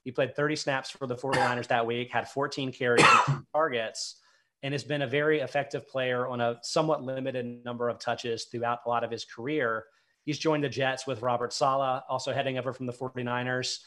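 A man's voice: medium pitch, flat delivery, a little fast, fairly bright tone. Male host, casual interviewer, builds lengthy questions, a bit of dry sarcasm. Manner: asks long set-up questions, dry sarcasm. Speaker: podcast host.

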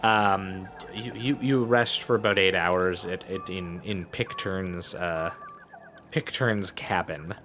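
A man's voice: deep voice, steady tone, takes it slowly. A man running a tabletop game as game master, rambling with many restarts.

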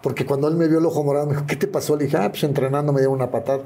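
A man's voice: fairly high pitch, fairly even intonation, racing, mellow. An older man with a Mexican Spanish accent, telling anecdotes as an interview guest and acting out the voices of people he quotes. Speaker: interview guest, retired wrestler. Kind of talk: casual storytelling interview.

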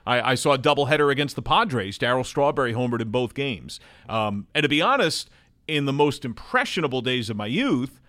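A man's voice: medium pitch, animated, a little fast, a bit bright, no room sound. A man in his forties from New Jersey, a baseball broadcaster telling his life story in detail as a podcast guest. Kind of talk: casual interview chat. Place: office near a studio.

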